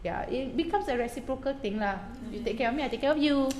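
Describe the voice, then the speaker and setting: A woman's voice: high-pitched, fast, a little mellow. A woman with a Singaporean accent in casual, emphatic chat, switching between English and Malay slang with colloquial particles. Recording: roomy echo, faint background noise.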